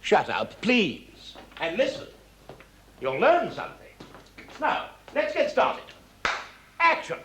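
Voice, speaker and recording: A bossy, excitable stage director. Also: male voice, high-pitched, takes it slowly, a little hiss or hum, exaggerated voice. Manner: bossy, impatient, theatrical. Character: fussy, excitable stage director running a rehearsal. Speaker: theatre director. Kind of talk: 1970s televised stage drama.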